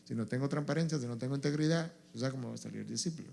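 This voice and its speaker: A man with a rough, gravelly voice and a mellow, dark tone teaches with emphasis, driving each point home by saying it again. He speaks as a pastor answering a congregation, with a faint hum and noise underneath. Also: mid-range voice, rapid-fire. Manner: emphatic, repeats points for stress. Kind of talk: church Q&A teaching.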